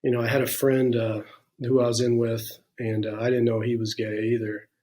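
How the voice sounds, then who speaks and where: A man in his forties speaks as an interview guest, recounting his life in a frank, reflective way. His voice sits in an ordinary middle pitch. He fills his pauses with "um" and "you know" as he thinks aloud. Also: flat delivery, darkish tone. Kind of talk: candid personal storytelling in a conversation.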